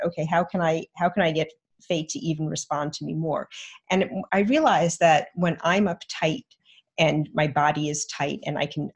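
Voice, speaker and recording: A woman's voice: low voice, darkish tone, breathy edge. A woman co-hosting a podcast in casual conversation, talking reflectively and searching for her words. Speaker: podcast co-host.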